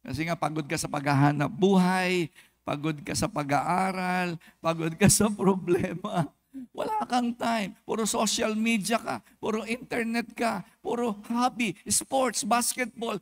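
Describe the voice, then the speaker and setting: A man with a Filipino accent, a pastor preaching an animated sermon at a church service and acting out quick comic exchanges. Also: high-pitched.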